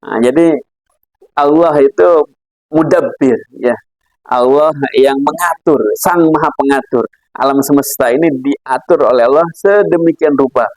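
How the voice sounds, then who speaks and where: A man's voice: mid-range voice, unhurried, a little mellow, no room sound, poor audio. A man giving a casual religious lesson, chatty and laughing often as he acts out characters in his stories. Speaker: Islamic philosophy teacher. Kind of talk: casual religious lecture with anecdotes.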